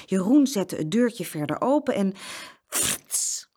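A woman reading a children's story aloud with an expressive, lively delivery. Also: on the low side, normal speed.

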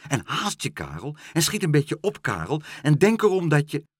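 A fussy, worried older gentleman, voiced by a man frets aloud in a somewhat raised, husky voice that swings up and down a lot. The sound is close and dry. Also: mid-range voice, wildly swooping pitch, moderate pace, dry recording, heavily acted. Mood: insistent. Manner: worried, fretful.

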